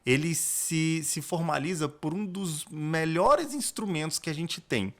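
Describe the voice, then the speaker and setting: Fairly bright and on the high side, this man's voice is expressive and unhurried. He's a corporate lawyer with a Brazilian Portuguese accent, guesting on a podcast and explaining estate planning one step at a time with frequent restarts.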